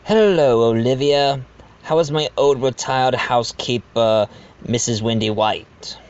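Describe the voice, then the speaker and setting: A man's voice: mid-range voice, measured pace, a little mellow, muffled recording, close to an everyday voice. A man playing a genteel, blackmailing manor owner who confides in the listener in an amateur audio drama. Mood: fond. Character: blackmailing manor owner, self-aware, genteel adoptive father.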